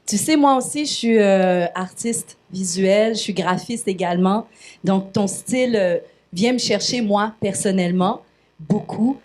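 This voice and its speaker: A woman hosting a festival event, introducing and interviewing an artist with enthusiastic, warm questions. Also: mid-range voice, unhurried. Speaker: festival host.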